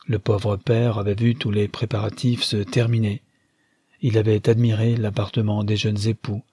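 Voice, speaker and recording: A man narrating a novel aloud in an even, measured reading voice, close to the mic. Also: on the low side, husky, no echo. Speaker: audiobook narrator. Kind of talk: scripted narration.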